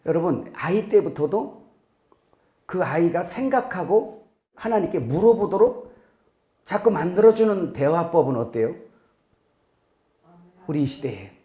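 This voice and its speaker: A middle-aged male pastor preaching a sermon in a conversational way, asking the congregation questions and now and then breaking into loud, sharp imitations of scolding parents. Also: on the high side, big pitch swings, measured pace, pauses often, roomy sound. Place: church sanctuary.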